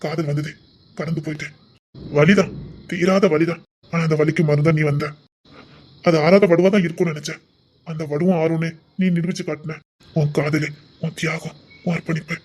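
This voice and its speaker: A man's voice: a little high, darkish tone, breathy edge. A man voicing a pushy, devoted young suitor, murmuring half-whispered in an amateur audio drama.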